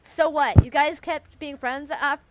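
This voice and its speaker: A woman's voice: sits high, fairly even intonation, unhurried, a bit bright. A woman voicing a defiant young woman musician in a story game, prickly and sarcastic. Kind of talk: reading a story game aloud.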